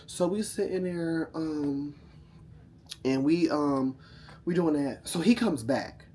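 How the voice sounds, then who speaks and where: A man's voice: a little high, animated, slow pace, mellow, slight background noise. A tipsy man telling a casual, profane story to camera, sassy and rambling, often losing his thread. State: drunk, tipsy.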